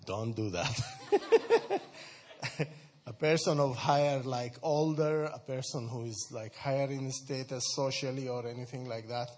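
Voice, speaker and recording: Husky-voiced man. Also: medium pitch, a little slow, a little mellow. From Sudan. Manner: conversational, asks the audience questions, laughs often. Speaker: speaker addressing a church group. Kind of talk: informal talk to an audience.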